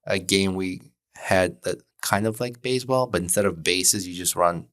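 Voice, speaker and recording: A man's voice: low voice, moderate pace, fairly bright tone. A middle-aged man from Armenia co-hosting a podcast, easygoing and laughing things off in casual chat. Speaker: podcast co-host.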